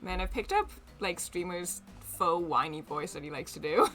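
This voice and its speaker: A woman's voice: on the low side, animated, normal speed, fairly bright tone, soft background music. A young woman streaming a dating game, chatting casually and reading the game text aloud with giggly asides. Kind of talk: casual let's play chat and reading aloud.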